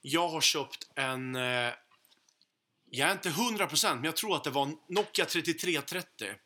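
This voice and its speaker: Bright-voiced Swedish man telling a story. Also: fairly high pitch, slight background noise. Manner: profane, animated anecdote teller. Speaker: podcast co-host. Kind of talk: casual storytelling chat.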